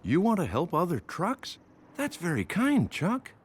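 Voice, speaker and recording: A calm truck doctor from a children's cartoon, with a husky, mid-pitched voice that rises and falls a lot as he explains things gently. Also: unhurried, exaggerated voice. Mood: reassuring. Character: kindly adult truck doctor, calm and patient.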